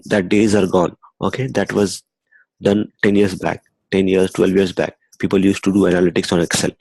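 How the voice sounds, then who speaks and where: Low gravelly-voiced man teaching. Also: little pitch movement, normal speed, a little mellow, no echo, low-quality recording. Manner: conversational, repeats "okay" often, restarts phrases. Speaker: instructor. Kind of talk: screen-recorded coding lesson.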